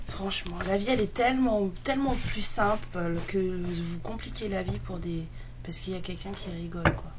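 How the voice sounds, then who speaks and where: A woman hosting card-reading guidance in a casual, blunt, unscripted monologue, speaking with one side of her mouth numb from the dentist. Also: lowish voice. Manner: blunt, unapologetic, colloquial. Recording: dull muffled sound, faint background noise.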